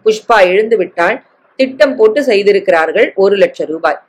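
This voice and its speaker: A woman's voice: mid-range voice, animated, normal speed. A woman reading a family novel aloud, giving each character a slightly different tone. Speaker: story reader.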